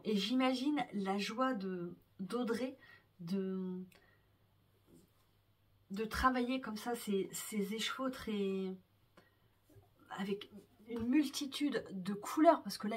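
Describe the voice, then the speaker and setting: A woman hosting a knitting podcast, gushing over yarns in hesitant casual chat with soft whispered exclamations. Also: mid-range voice, slow pace, pauses often, husky, recorded from a distance. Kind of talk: casual show-and-tell chat.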